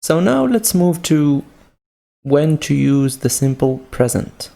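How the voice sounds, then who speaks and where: A man's voice: fairly high pitch, lively intonation, slow, vocal fry, warm tone. A man with a Moroccan accent teaching English grammar, patiently repeating each point with example sentences. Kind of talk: slow grammar lesson.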